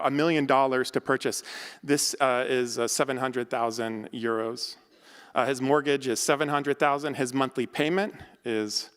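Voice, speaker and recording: A man gives an academic talk in a lecture hall. His voice is smooth and resonant, and a long reverb trails after his words. He speaks conversationally, often pausing on fillers and correcting himself. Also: mid-range voice, a bit bright. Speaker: academic researcher giving a talk. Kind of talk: conference talk.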